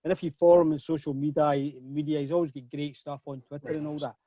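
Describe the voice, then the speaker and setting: A man's voice: a little high, flat delivery, quick pace, warm tone, slight background noise. A middle-aged man hosting a whisky tasting over a video call, chatty and often repeating words as he starts a sentence. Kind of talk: casual online tasting talk.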